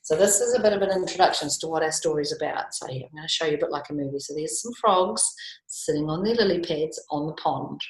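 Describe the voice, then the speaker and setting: Speaking quickly in a low voice, a teacher from New Zealand talks children through a picture book during storytime, animated and playful, asking lots of questions and chuckling frequently. The recording sounds roomy and echoey, as if made at home.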